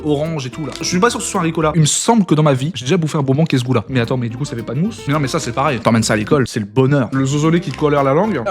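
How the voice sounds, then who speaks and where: Fast-talking excitable young man. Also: on the high side. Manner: excitable and jokey, with sudden loud outbursts. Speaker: YouTuber tasting foods. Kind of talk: casual food-tasting vlog.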